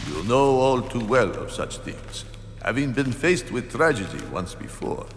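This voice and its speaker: A man voicing a stern, secretive monster count in an animated series, formal and dramatic. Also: mid-range voice, measured pace, soft background music. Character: stern, secretive old monster count, loyal police buddy.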